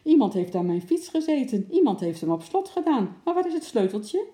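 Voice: mid-range voice, very animated, fairly quick, mellow, voice pushed up, close to an everyday voice. A reader voicing an indignant, complaining tall, thin woman in a children's storybook. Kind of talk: storybook reading. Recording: echoey room.

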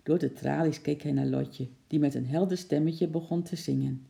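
A reader calmly narrating a children's storybook in a gentle storytelling manner. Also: mid-range voice, normal speed, gravelly.

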